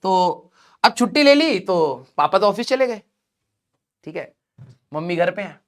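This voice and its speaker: A man's voice: high voice, very animated, measured pace, fairly bright tone. Chatty male teacher telling a story. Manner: chatty, fillers like "ठीक है" and "भाई साहब"; laughs while telling. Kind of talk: casual storytelling to students.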